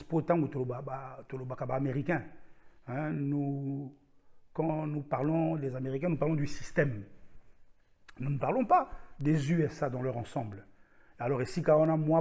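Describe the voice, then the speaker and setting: A man giving an impassioned political address to his followers, emphatic and repetitive, with sudden loud bursts. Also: on the high side, breathy edge.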